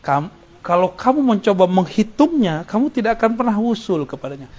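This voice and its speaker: A man preaching a study sermon in a relaxed, joking way, quoting Arabic verses and chuckling between points. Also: high-pitched, a little fast. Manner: casual, joking asides, chuckles; quotes Arabic verses with religious terms.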